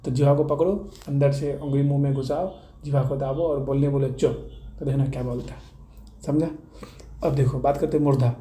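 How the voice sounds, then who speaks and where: A man's voice: mid-range voice, steady tone, normal speed, dark tone. Echoey Bihari-accented male teacher drilling. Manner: repetitive question-and-answer drilling. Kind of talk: classroom-style grammar lesson. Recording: echoey room with faint ambient noise.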